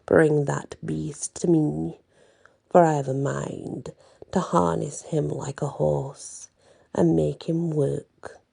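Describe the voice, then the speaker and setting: Woman voicing the Wicked Witch of the West, slow menace. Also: low voice, fairly even intonation, creaky, dark tone, husky, exaggerated voice. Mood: commanding. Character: cruel, commanding wicked witch.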